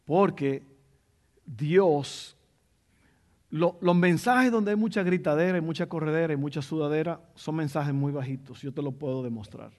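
A man's voice: on the high side, moderate pace, darkish tone. A male pastor preaching a sermon in a teaching tone, repeating his key phrases for emphasis.

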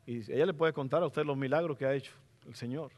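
A man's voice: a little high, quick pace, lo-fi sound. Fervent middle-aged male pastor preaching. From Latin America. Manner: fervent preaching, rising to loud exclamations. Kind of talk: sermon. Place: church.

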